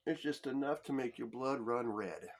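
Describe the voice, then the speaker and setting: A man's voice: mid-range voice, normal speed, slight background noise. A man hosting a podcast, delivering a heated, profane political commentary monologue. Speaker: podcast host.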